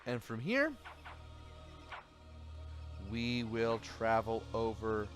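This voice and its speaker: A man's voice: very animated, very slow. Tired man narrating gameplay. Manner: tired, low-key, thinking aloud. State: tired, late at night. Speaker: let's play host. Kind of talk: gameplay commentary. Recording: faint game music behind.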